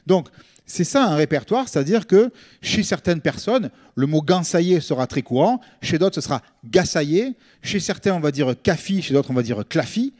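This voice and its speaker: A middle-aged linguist from Marseille, France, gives a public talk in a Marseille accent, his fairly high, mellow voice swinging widely in pitch at a moderate pace. He lectures informally, explaining ideas conversationally and regularly checking that his listeners follow.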